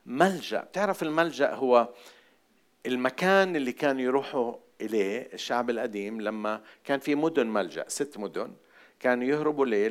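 A man with a Jordanian accent preaching a sermon, shifting between hushed, repeated asides and loud, emphatic lines. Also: medium pitch. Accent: Jordanian Arabic. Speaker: pastor.

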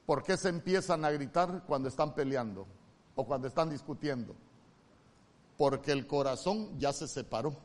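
A male pastor with a Honduran accent preaching a sermon, moving from loud emphatic calls to soft, hushed lines. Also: medium pitch, normal speed. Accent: Honduran Spanish.

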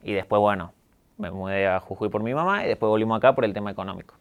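Young Argentine male guest, neutral Argentine accent, clean smooth timbre, calm and candid. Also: on the low side, quick pace, narrow, tinny audio. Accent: neutralized Argentine Spanish. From Córdoba, Argentina. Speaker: guest, YouTuber. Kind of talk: casual interview talk.

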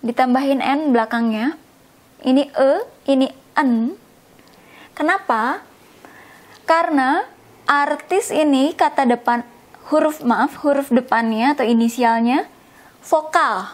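A woman with a high voice gives a language lesson at an unhurried pace. She explains patiently, repeats each word slowly and checks in with her listeners as she goes. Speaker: English teacher.

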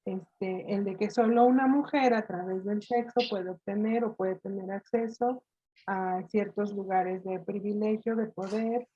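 Woman, podcast guest, mellow dark voice, hesitant thoughtful talk, slightly muffled sound. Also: mid-range voice, fairly even intonation, unhurried. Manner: thoughtful, hesitant with many fillers. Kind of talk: casual podcast chat.

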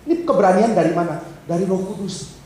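A man's voice: high-pitched, quick pace, mellow. A male pastor preaching a humorous sermon, acting out small dialogues in changed voices. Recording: very echoey hall, faint background hiss.

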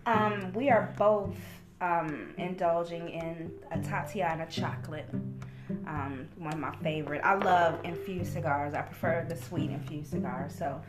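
A woman's voice: low-pitched, steady tone, moderate pace. A woman speaking as a guest in a casual podcast interview, explaining things conversationally. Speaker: podcast guest, skincare entrepreneur. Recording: loud music behind the voice.

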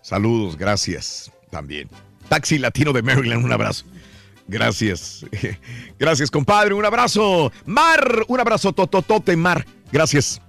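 Lively male radio host with music behind. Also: a little high, vocal fry. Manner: lively, jokey, rapid shout-outs. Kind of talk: casual chat reading listener messages.

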